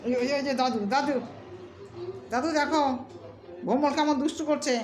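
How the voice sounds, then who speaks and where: A woman's voice: high voice, fairly even intonation, normal speed. A woman talking casually to her pet dog, coaxing and scolding it in a sing-song voice. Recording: echoey room with clear background noise.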